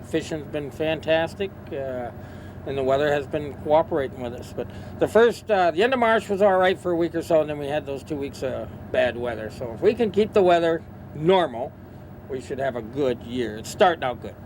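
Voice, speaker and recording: A man's voice: fairly high pitch, expressive, brisk, a little mellow. A man, a boat captain, answers interview questions outdoors in a plainspoken way with clipped phrases. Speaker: charter fishing boat captain being interviewed. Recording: noisy outdoor engine and vehicle ambience.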